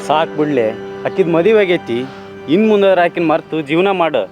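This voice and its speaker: A man's voice: on the high side, expressive, moderate pace, music in the background, natural voice. A young man playing a blunt village friend, with a North Karnataka Kannada accent. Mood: teasing. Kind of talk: short film acting.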